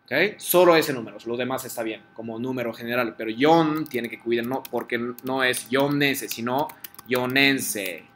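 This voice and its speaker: A man's voice: mid-range voice, a little fast, few pauses, a little hiss or hum. A man teaching a class in Spanish, explaining patiently step by step and checking in with his students. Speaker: Japanese teacher.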